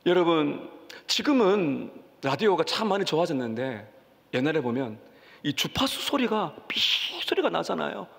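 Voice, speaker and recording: A male pastor preaching a sermon with passion, rising to loud cries as he voices the pleas, recorded in a church sanctuary. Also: fairly high pitch, sing-song, normal speed, vocal fry. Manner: impassioned, rising to cries when voicing pleas. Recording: church hall reverb.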